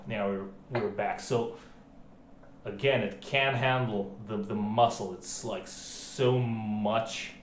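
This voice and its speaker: Out of breath, a man rambles through a casual vlog about his home arm workout, full of fillers and restarts. His voice is medium in pitch and a bit bright. The roomy home recording carries a faint background hiss.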